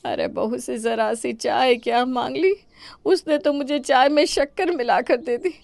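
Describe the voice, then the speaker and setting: A woman voicing a scheming older mother-in-law in an animated story, with theatrical wailing and complaining. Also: high voice, unhurried, gravelly, dry recording.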